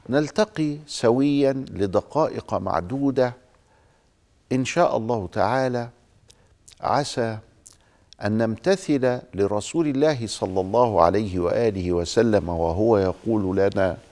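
A man hosting a religious programme, addressing viewers in formal Standard Arabic with deliberate, rhetorical phrasing. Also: mid-range voice, warm tone.

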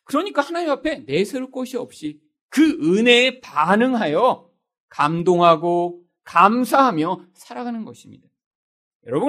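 A male pastor delivers a sermon in a high voice. His pitch swings widely as he puts rhetorical questions to the congregation. He slips into quoted voices to act out everyday excuses. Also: fairly bright tone.

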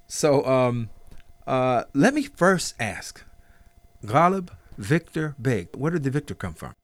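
A man hosting a radio interview with a clear announcer delivery. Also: medium pitch, sing-song, slow pace, dry recording. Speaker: radio host.

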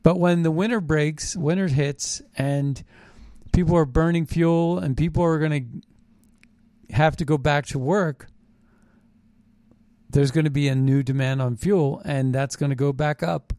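A man's voice: fairly high pitch, steady tone, unhurried, mellow, no echo. Suspicious, ranting American man, close dry sound. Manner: emphatic, repeats phrases for stress. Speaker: commentary show host. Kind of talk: unscripted political rant monologue.

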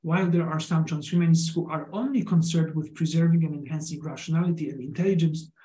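A man giving an academic talk over a video call, his connection choppy so that words cut off partway, and he speaks in a halting way with many hesitations. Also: fairly high pitch, dark tone, echoey room. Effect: choppy connection cutting out mid-word. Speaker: academic presenter.

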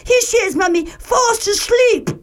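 Woman doing a whiny, high bear cub for a storybook; tearful little boy. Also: a little slow. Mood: whiny, upset. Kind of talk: storybook reading.

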